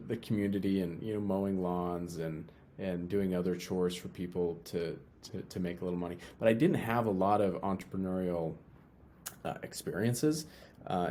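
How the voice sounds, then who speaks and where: A man's voice: deep voice, warm tone, a little hiss or hum. A young man from Utah, a guest talking casually in an interview, often repeating and restarting his phrases.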